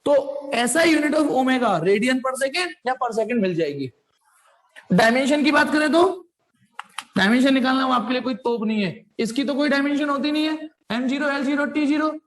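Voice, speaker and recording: A man teaching a physics class, mixing Hindi with English terms and asking his students questions before answering them himself. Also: very high-pitched. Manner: playful asides, sound effects.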